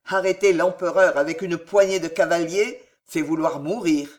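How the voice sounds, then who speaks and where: A man reading aloud and voicing a passionate, desperate young nobleman with intense, forceful declamation. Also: on the high side, normal speed, natural voice. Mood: grave.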